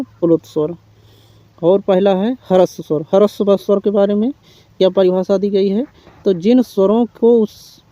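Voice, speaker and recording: In an exam-prep lecture, a man with a high-sitting, warm voice teaches Hindi grammar, reading out definitions and listing examples one step at a time. The recording is dull, muffled, and lo-fi, with no room sound.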